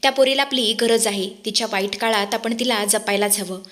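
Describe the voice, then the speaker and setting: A woman's voice: medium pitch, fairly quick, fairly bright tone, natural voice. A woman voicing a worried elderly grandmother who asks anxious, pleading questions in a Marathi serial recap. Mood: tearful resolve.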